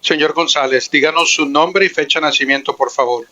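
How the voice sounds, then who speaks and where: A man working as a court interpreter, giving a live translation voice into the courtroom in a formal, even relay of each statement. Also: a little high, fast, muffled recording.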